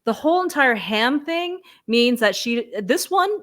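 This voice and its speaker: A woman's voice: fairly high pitch, expressive, unhurried, fairly bright tone. A woman on a commentary panel, mocking and exclamatory, often laughing. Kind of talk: reaction commentary.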